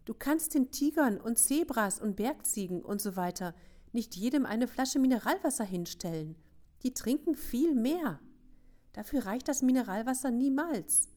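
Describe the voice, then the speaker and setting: A woman's voice: on the high side, animated, moderate pace, darkish tone, pitched above the performer's own voice, close to an everyday voice. A woman reading aloud, voicing a fretful girl who anxiously worries about animals. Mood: lamenting. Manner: whiny, anxious.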